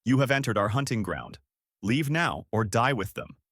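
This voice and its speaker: A man voicing a rough, threatening male pirate commander in a sci-fi story. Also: medium pitch, animated, normal speed, a bit bright, dry recording, studio quality. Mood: menacing.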